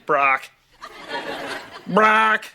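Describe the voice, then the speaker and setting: Sitcom bit: man putting on a parrot voice, shrill warning squawks, heavy background noise. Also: expressive, extremely slow, heavily acted. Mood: mocking alarm. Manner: parrot voice, squawked one-word calls. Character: squawking parrot, a bird that warns of danger. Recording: very noisy sitcom soundtrack.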